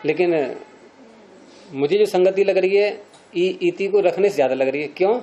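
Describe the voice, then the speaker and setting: A male teacher lecturing on Sanskrit grammar, with a fairly high voice that stays mellow and warm. He explains each point step by step and keeps firing questions at his students. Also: moderate pace, highs cut off.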